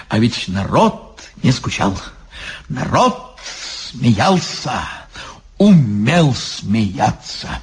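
A man's voice: a little high, husky, full character voice. A man voicing a pompous, giggling old sage who lectures the young in a fussy, sugary way. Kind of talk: audiobook character reading.

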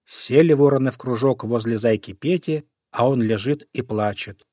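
A man narrating a children's story in an expressive, playful way. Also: medium pitch, moderate pace, no room sound, studio quality.

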